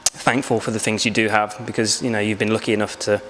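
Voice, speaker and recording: A man's voice: fairly low pitch, level tone, a bit bright, slight background noise. A man, giving reflective, hesitant interview answers. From England. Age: 20s. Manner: reflective, unhurried, hesitant with many fillers. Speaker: backpacker interviewee. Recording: long hall reverb.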